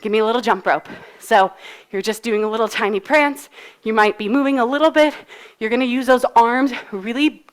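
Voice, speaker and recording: A woman with a fairly high, brisk voice coaches a live workout at a fitness studio. Panting while she exercises alongside, she calls out moves and countdowns in an upbeat, encouraging way.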